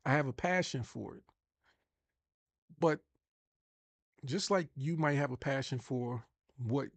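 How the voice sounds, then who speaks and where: A man with a Long Island New York accent speaks to his viewers like a motivational coach, pressing his points hard and doubling back on words as he goes. His voice has a gravelly edge at a mid pitch. The sound is dry and close, with no room echo. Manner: emphatic, restarts and repeats words. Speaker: online marketing coach.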